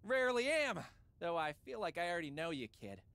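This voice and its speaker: A bubbly showbiz agent. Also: female voice, on the low side, very animated, a little fast, fairly bright tone, dry recording. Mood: upbeat. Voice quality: bubbly, salesy. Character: fast-talking showbiz agent Alfie, upbeat. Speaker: game character.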